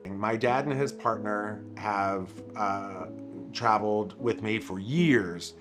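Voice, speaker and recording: A man's voice: on the low side, slow. A man talking casually, as in a documentary interview. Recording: roomy echo, music behind.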